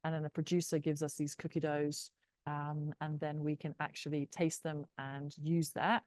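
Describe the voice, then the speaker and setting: A middle-aged woman talks other teachers through her classroom projects. Her voice sits low, and she speaks in an encouraging, chatty way, full of fillers. The recording is close and dry. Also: flat delivery, normal speed, darkish tone, no echo. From New Zealand. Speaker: technology teacher presenting to educators.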